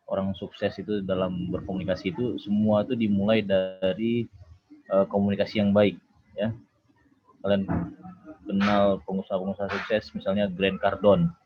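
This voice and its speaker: A man, a doctor, giving an online seminar talk in a relaxed conversational way, with many filler sounds and tag words. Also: lowish voice, slightly rough, highs cut off.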